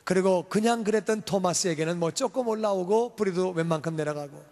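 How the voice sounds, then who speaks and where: A man preaching in a church with a high voice, animated, acting out the voices in his stories. His words carry a long reverb through the large hall. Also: a little fast, vocal fry. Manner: animated storytelling, acts out scolding and praising voices. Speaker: pastor. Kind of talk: sermon. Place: church sanctuary.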